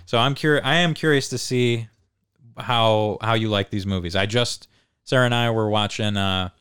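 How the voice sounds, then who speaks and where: A man's voice: fairly low pitch, moderate pace, a bit bright, clear, resonant tone, no echo, clean studio sound. A man chatting casually as a podcast co-host, laid-back and sweary, peppering his talk with dude and like. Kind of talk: casual chat.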